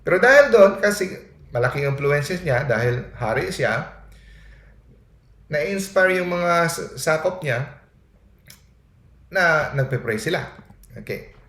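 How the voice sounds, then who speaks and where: A man's voice: on the high side, animated, slow pace, pauses often, a bit bright. A man giving an earnest sermon in mixed Tagalog and English, often tagging his points with a questioning "no?". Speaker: preacher. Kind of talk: Taglish sermon. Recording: echoey room.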